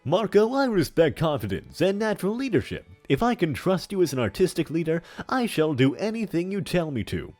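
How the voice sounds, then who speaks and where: A man's voice: on the high side, big pitch swings, brisk, hardly any pauses, a little mellow, faint music behind, voice pushed up. A man voicing a pompous, menacing, melodramatic older man in a hammy stage-actor manner for a comic dramatic reading. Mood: grandiose, commanding. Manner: hammy stage-actor delivery with grandiose emphasis.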